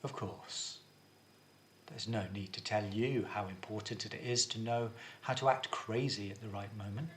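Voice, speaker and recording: A man's voice: on the low side, measured pace, slight background noise, voice pushed down, close to an everyday voice. A man acting out an eccentric, witty male trickster in a theatrical stage-acting demonstration. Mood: calm. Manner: theatrical, shifts between calm, frantic and mocking.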